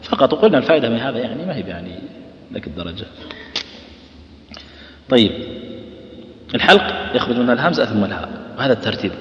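A man's voice: medium pitch, sing-song, fast, long pauses. A man teaching Quran recitation, quizzing his listeners and sounding out letters as he goes. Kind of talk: lecture on letter articulation. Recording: echoey hall, dull cassette tape.

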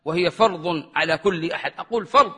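A man's voice: fast, sharp tone, slightly rough. A man preaching a religious sermon with passion, chanting scripture verses in a melodic voice. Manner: impassioned, rising pitch on questions, chants verses.

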